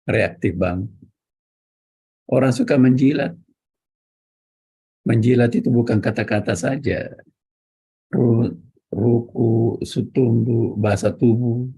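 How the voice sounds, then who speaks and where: A man preaching a religious lecture, speaking directly to his listeners and repeating key words for emphasis in a measured, teaching delivery. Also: medium pitch, dark tone, slightly rough. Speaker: Islamic preacher.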